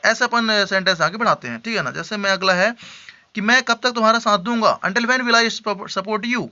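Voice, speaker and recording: A man from India teaches spoken English in a Hindi-language lesson, explaining patiently, checking in often with his learners and slowly repeating example sentences. His voice is high, very bright and sharp. The recording sounds dull and lo-fi.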